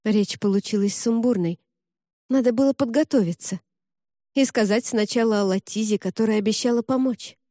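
A woman reading a first-person fantasy audiobook in a steady, expressive storytelling voice. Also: mid-range voice, no room sound, studio quality. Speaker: audiobook narrator.

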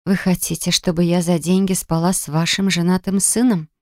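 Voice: medium pitch, level tone, moderate pace, dry recording, clean studio sound, natural voice. A narrator voicing a defiant young woman who owns a pastry shop and answers back indignantly. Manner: indignant, stubborn. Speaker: storybook character.

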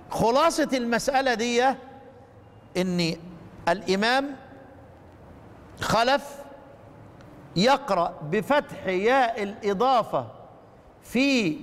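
High-voiced Egyptian man teaching in an echoing hall. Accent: Egyptian Arabic. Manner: quizzes the class and counts items aloud; repeats phrases while teaching. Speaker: teacher of Quran recitation. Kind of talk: classroom lesson explaining a text.

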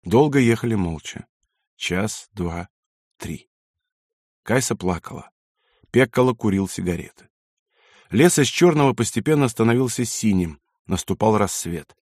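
A man narrating a war novel as an audiobook, reading in a measured, dramatic way. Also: on the low side, animated, darkish tone, dry recording, studio quality. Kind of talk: scripted narration.

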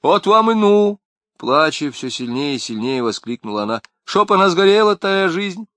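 A plaintive young wife with speech, her voice pushed high and strained with grievance, as a male reader puts her on. The recording is close and dry. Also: very animated, moderate pace, a bit bright, dry recording. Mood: bitter. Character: young woman, tearful, quick-tempered, southern speech.

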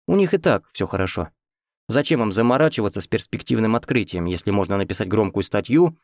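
A man's voice: on the low side, no room sound, clean studio sound. A man narrating a first-person audiobook in a wry, ironic manner.

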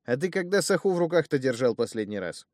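A man voicing a brash, loud young male bandit who shouts indignantly, in a dry close recording. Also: mid-range voice, sing-song, fast talker, no room sound, pitched above the performer's own voice, close to an everyday voice. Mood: scolding.

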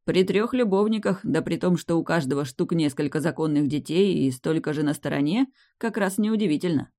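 A narrator voicing a breezy, carefree young duke who gives orders in a lively, offhand way. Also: medium pitch, fairly quick, lightly acted. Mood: brisk, bossy.

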